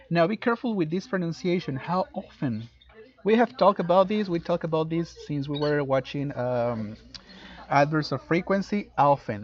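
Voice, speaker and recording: A man's voice: a little high, darkish tone. A man teaching an English lesson, explaining grammar casually and switching between two languages. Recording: dull lo-fi audio.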